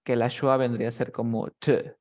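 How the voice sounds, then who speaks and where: A man's voice: mid-range voice, flat delivery, moderate pace, a little mellow. A man teaching English to one student, patient and methodical. He breaks each rule down step by step and keeps checking that his student follows. He is heard over a video call. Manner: patient, explains step by step with many checks like "¿cierto?".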